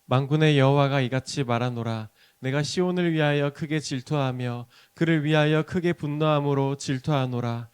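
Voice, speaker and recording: A man reads a passage of Scripture aloud during a morning devotional, in a steady, formal reading voice. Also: medium pitch, normal speed, hardly any pauses, clean tone. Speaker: scripture reader.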